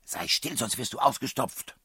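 A man's voice: sits low, very animated, a bit bright, dry recording, studio quality, voice pushed up, heavily acted. A man reading aloud, voicing a bossy, teasing young woman known as the Princess in a storybook reading. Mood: brisk. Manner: brisk, commanding, teasing.

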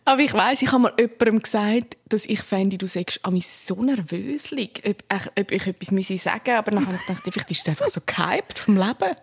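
A woman's voice: medium pitch, animated, brisk, gravelly, few pauses, slightly rough. A Swiss German woman on a casual podcast talks through a tense personal episode, emotional and often breaking into laughter. Her voice sits in a middle register. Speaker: podcast co-host. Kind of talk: casual chat.

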